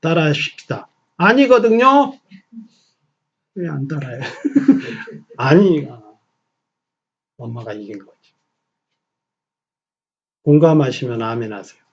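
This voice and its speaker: A middle-aged man preaching a Sunday sermon in a small church, swinging from loud emphasis to soft near-whispers. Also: medium pitch, slow pace, long pauses, breathy edge, dull audio. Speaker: pastor.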